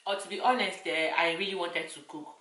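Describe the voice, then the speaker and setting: Casting: young Nigerian-accented woman, bright forceful voice, casual Q&A vlog chat, roomy echo. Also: fairly low pitch, steady tone, a little fast, recorded from a distance. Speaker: vlogger. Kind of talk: casual chat to camera, answering questions.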